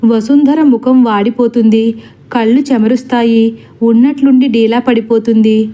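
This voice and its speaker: A woman narrating a horror story in a steady, dramatic storytelling manner. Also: on the high side, normal speed.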